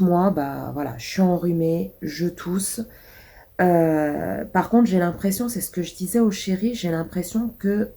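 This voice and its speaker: A woman with a lowish, warm voice is vlogging casually while sick. She's congested and coughs, rambling along with plenty of hesitations.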